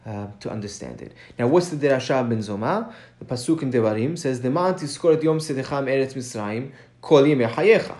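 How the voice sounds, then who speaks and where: Speaking in a medium-pitched, darkish voice, a man teaches Mishnah in a recorded lesson, explaining the text step by step. He chants the source quickly, often adds "right?" to check in, and raises his voice to emphasize key points.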